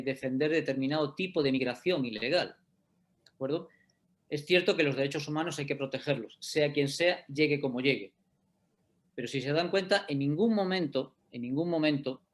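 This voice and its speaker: A middle-aged man giving a law lecture in an online class, explaining step by step and often checking that listeners follow. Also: a little high. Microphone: video call.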